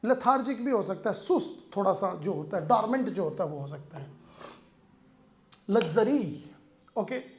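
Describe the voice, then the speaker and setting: A man's voice: sits high, animated, moderate pace, pauses often. A man with an Indian accent teaching English vocabulary for competitive exams. He explains word meanings in Hindi mixed with English and keeps checking in with "theek hai". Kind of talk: exam-prep vocabulary lesson.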